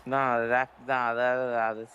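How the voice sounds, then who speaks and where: A man's voice: medium pitch, little pitch movement, takes it slowly, dull audio, over a noisy crowd. A young man joking around as a guest on cricket game commentary, slangy and playful. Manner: joking, says "bro" and "nah".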